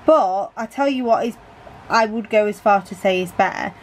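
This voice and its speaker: A British crafting vlogger with a mid-range voice chats casually at a normal speed about her diamond painting hobby while she works. She rambles freely, correcting herself mid-thought with little asides. The audio is poor, with slight background noise.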